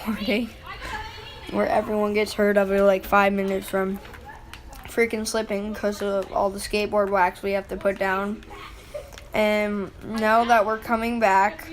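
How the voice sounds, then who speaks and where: Casting: female-sounding vlogger, informal rambling voice-over, medium pitch, conversational and unpolished, swears lightly. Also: little pitch movement, unhurried. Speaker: vlog narrator. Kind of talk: casual voice-over commentary on exploration footage.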